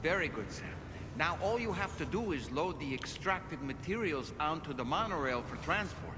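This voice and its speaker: A courteous, higher-pitched male video game guide, played by an actor, speaks in polite instructions. The voice rings with long hall reverb over clear music. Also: expressive, moderate pace, natural voice. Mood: polite, encouraging. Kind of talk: scripted game character dialogue.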